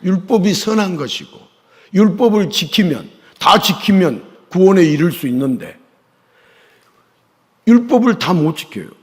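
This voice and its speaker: A male pastor preaching a sermon in a church, firing questions at his congregation and pressing them to answer, swinging between loud emphasis and hushed asides. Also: high voice, animated, measured pace. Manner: call-and-response questioning of the congregation. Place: church sanctuary. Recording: long church reverb.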